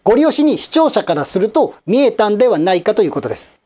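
A man in his fifties hosting a channel, giving polite, measured, scripted news-style commentary with wry asides. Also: high-pitched, big pitch swings, a little mellow. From Japan, Osaka and Kochi.

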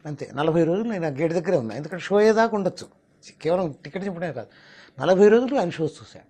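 A man's voice: fairly high pitch, lively intonation, fast talker, warm tone. A mimicry artist, explaining his craft in an interview and slipping into demonstration voices. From Telangana, India.

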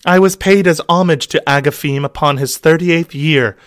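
A man's voice: a little high, moderate pace, no echo, studio quality, pitched above the performer's own voice, lightly acted. A man putting on a sultry noblewoman. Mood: mock sultry.

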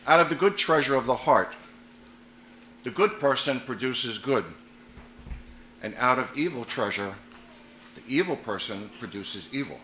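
A man serving as priest, reading the gospel at Mass in a measured, solemn way, with a cathedral echo around his voice. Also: mid-range voice, animated, bright, forceful tone, a little hiss or hum. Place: large church. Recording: echoey church, voice from afar.

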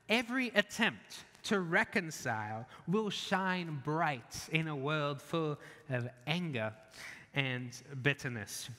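A man preaching a church sermon in an earnest way, then leading a quiet prayer. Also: a little high, long reverb tail. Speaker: pastor. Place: church sanctuary.

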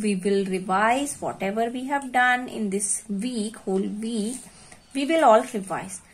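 A woman's voice: on the high side, slightly rough. A woman teacher, giving a class to young children, checking in often and mixing in Hindi phrases. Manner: repeats and checks on pupils, switches into Hindi phrases. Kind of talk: online class lesson.

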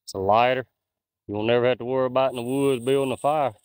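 A man in his 40s livestreams a night walk through the woods, holding his phone on a handheld gimbal and chatting casually with viewers. Folksy and rambling, he reads out chat names and comments, talking fast in a steady, ordinary-pitched voice that is smooth, clear, and darkish. The sound is dry and close, with no room echo.

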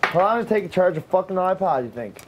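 A man's voice: sits high, lively intonation, fast, lo-fi sound. A man in his twenties in tipsy, slangy, profane casual banter. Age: 20s. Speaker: reality show housemate. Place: indoor bedroom, lounging in bed. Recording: noisy room, clicking microphone.

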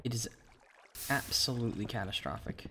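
A man hosting a casual game commentary who swears a lot and swings from panic back to calm. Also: medium pitch, moderate pace, gravelly, heavy background noise. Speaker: gaming channel host. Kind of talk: casual let's-play commentary.

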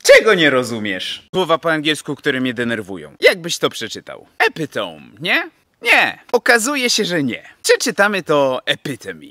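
Young male English teacher, higher, sharp voice with a lot of swing in it; sarcastic comic rant, mock outrage, talking outdoors. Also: huge pitch swings, moderate pace. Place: outdoors in an empty spot.

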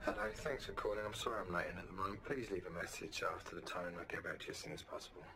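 Gravelly greeting on an answering machine. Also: male voice, low-pitched, rapid-fire, over music. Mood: recorded greeting. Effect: voicemail greeting heard through an answering machine. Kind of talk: film dialogue.

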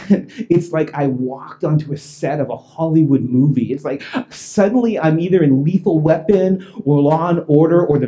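A man's voice: on the high side, mellow. A male pastor telling a story in a sermon, chuckling as he goes.

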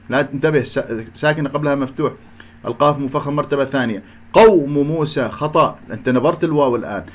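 A man with a medium-pitched voice and an Iraqi accent teaches Quran recitation. He explains each letter and recitation rule and gives slow, drawn-out chanted examples.

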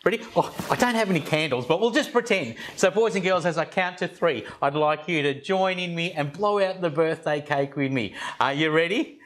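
A man's voice: on the high side, normal speed, few pauses. A middle-aged man presenting a children's show in an overbright, exclamatory party-host manner, speaking straight to the young viewers. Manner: animated hand gestures, addresses children directly. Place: school studio and kitchen, indoors. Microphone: clip-on lapel microphone. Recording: noisy room sound.

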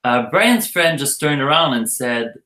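Bright-voiced man telling a story. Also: medium pitch, lively intonation, measured pace, roomy sound, rough recording. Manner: chatty, playful, laughs often. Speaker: co-host telling their story. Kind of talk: casual storytelling chat.

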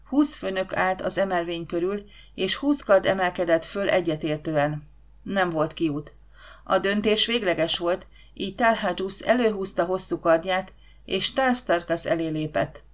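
Woman reading an audiobook, lowish voice, steady dramatic telling. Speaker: audiobook narrator. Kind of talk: scripted audiobook narration.

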